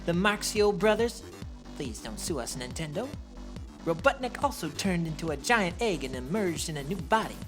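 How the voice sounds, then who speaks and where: A woman's voice: fairly low pitch, sing-song, moderate pace, music in the background. A woman playing a cocky young male hedgehog hero, narrating a comic dub with casual, wry asides.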